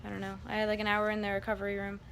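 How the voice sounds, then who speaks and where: A woman speaks in a rambling, candid vlog style. Her mid-pitched voice moves within a narrow, even range. Faint background noise sits behind her casual telling. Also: racing, gravelly. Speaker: vlogger. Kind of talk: casual personal vlog, recounting her surgery.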